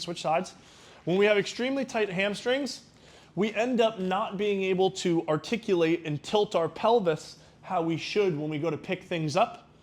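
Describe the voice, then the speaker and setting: A man guiding exercises as a mobility instructor, explaining each step in a careful, unhurried way. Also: on the high side.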